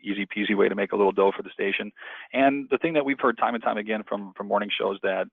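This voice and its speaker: A man co-hosting a radio webinar, talking fast and energetically with frequent restarts. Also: lowish voice, husky, no echo. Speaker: radio programmer and webinar co-host. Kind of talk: casual webinar presentation. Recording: tinny phone-like audio.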